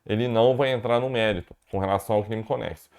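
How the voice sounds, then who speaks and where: Guy lecturing on law, explains stuff then says the main bit again slow. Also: fairly low pitch, creaky, darkish tone. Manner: explanatory, repeats key points slowly for emphasis. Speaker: law professor. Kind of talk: recorded lecture.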